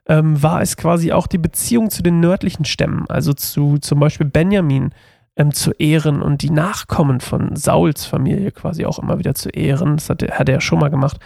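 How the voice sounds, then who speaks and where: Gravelly man casually explaining scripture. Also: a little high, a little mellow, dry recording, clean studio sound. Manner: rambling, many fillers like "quasi" and "sozusagen". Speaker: Bible study teacher. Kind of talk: casual Bible reading and commentary.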